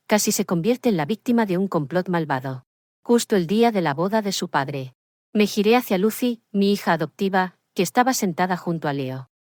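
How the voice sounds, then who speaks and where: An older woman telling a first-person story in a low, steady voice. The recording is dry and close, with no room sound around her. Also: no echo. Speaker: narrator.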